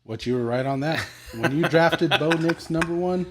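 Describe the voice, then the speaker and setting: A man's voice: fairly high pitch, moderate pace, noisy background. A middle-aged man co-hosting a casual livestream chat, telling crude, joking stories and acting out the voices of the people in them. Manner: crude, joking storyteller who acts out voices. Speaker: podcast co-host.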